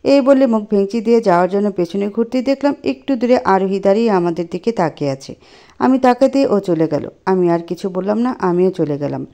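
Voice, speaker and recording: A woman narrating a first-person love story in an expressive storytelling manner. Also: mid-range voice, a little fast.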